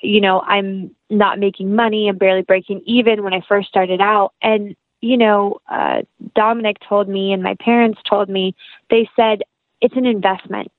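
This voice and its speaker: Speaking at a normal speed in a steady, mid-range voice, a young woman guesting on a podcast chats loosely and sincerely about things, heartfelt and meandering. She's an actress, and the dry recording has a tinny, telephone quality.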